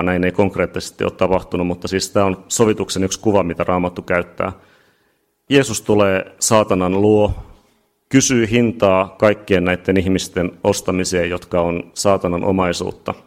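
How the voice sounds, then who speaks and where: A man preaching a sermon, emphatic and building to shouts at key points. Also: low voice. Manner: emphatic, rising to shouts at climaxes.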